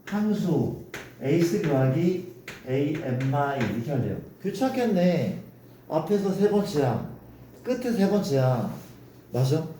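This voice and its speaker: A man's voice: fairly high pitch, warm tone. A male math teacher lecturing a class, coaxing students and constantly checking that they follow. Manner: coaxing, keeps asking students to confirm. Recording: echoey room, distant mic, faint noise.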